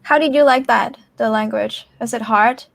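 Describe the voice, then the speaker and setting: A woman with a lightly high voice hosts an informal live chat. She is expressive and quick to react to what she hears. The sound is very dry, with no room around her. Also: gravelly, no echo. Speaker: host of a language-teaching channel. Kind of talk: casual live chat with a guest and commenters.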